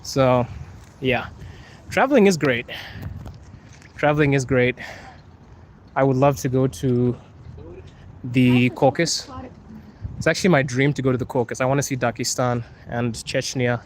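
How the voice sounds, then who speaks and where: Walking a rainy street at night with his phone in hand, a young man from Zimbabwe hosts a casual livestream, reading comments, laughing often and playfully teasing viewers. He speaks at a medium pitch and normal speed with long pauses, and there's a slight hiss or hum.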